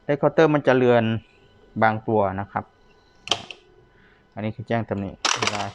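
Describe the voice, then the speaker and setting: A man with a fairly low voice talks politely as a seller in a casual product demonstration. There is faint noise behind him. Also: moderate pace. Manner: polite, ends most phrases with courtesy particles. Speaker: seller demonstrating secondhand audio equipment.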